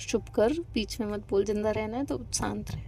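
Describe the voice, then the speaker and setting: A woman voicing a wary young man who mutters deadpan warnings. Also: mid-range voice, normal speed, gravelly, husky.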